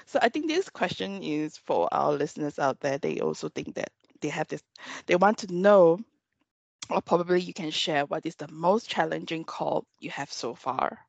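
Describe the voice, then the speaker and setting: A woman co-hosting a casual chat, expressive and quick to laugh. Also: low-pitched, creaky, dry recording, highs cut off. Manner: expressive, laughs, mimics her husband.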